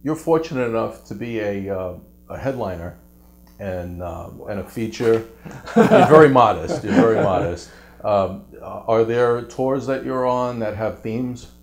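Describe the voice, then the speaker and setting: A man hosting an interview in a low voice. He asks brief, friendly questions and lets the guest talk. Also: unhurried, a little mellow, faint music behind. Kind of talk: casual interview.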